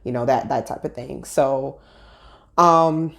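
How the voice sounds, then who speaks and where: This young Brooklyn woman is an interview guest telling her story in a laid-back, chatty way, laughing often. She speaks slowly and steadily in a rumbling low, creaky voice.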